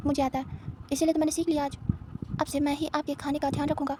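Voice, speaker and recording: A woman's voice: sits high, flat delivery, quick pace, background noise, close to an everyday voice. A woman voicing a shy, stammering young man. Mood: earnest. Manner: hesitant, stammering, earnest. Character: shy, caring young man, devoted spouse.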